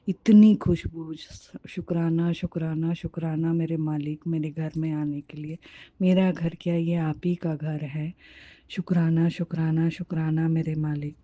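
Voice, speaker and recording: A woman's voice: deep voice, no room sound, muffled recording. A woman sharing a devotional testimony and fervently repeating her words of thanks.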